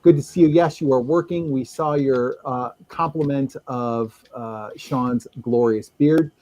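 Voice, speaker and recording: Brief: male host, mid-pitched, close and dry sound, rambling relaxed delivery. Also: no echo. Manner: loose, halting, lots of fillers. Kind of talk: casual livestream chat.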